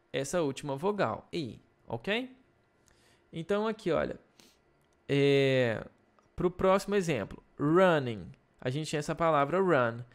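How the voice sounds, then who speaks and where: Slow, patient Brazilian male English teacher. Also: on the high side. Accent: Brazilian Portuguese. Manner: slow, patient explaining with frequent check-ins. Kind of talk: recorded video lesson.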